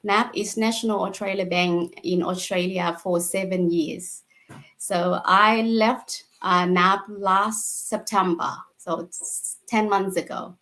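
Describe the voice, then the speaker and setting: A woman in her forties, born in Vietnam with Vietnamese as her first language, talks as an interview guest, unhurried and simple, with fillers and soft laughs. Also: medium pitch, fairly even intonation. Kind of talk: casual interview.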